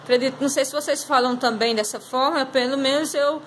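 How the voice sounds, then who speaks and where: A woman's voice: high-pitched, steady tone, fairly quick, a bit bright, slight background noise, poor audio. A woman teacher going over a class exercise, patiently explaining step by step and drawing out words. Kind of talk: recorded class lesson correcting exercises.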